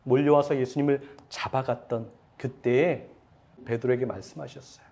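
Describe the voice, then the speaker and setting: A man's voice: medium pitch, steady tone, normal speed, warm tone. A man preaching a sermon as pastor, speaking to his congregation with strong feeling and asking them questions. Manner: emotional preaching, voicing quoted pleas with swelling intensity; addresses congregation directly, asks questions.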